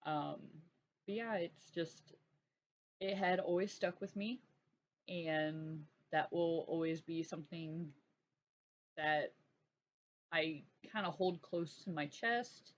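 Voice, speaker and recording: A woman hosting her own channel, telling a personal story in a halting, earnest way with many restarts. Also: sits low. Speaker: art channel host. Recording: dull lo-fi sound with faint noise.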